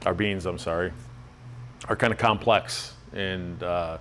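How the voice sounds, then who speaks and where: A man's voice: sits low, fairly even intonation, unhurried, a bit bright, a little hiss or hum. A man interviewing someone in casual chat, with informal, loosely phrased questions and easy agreement.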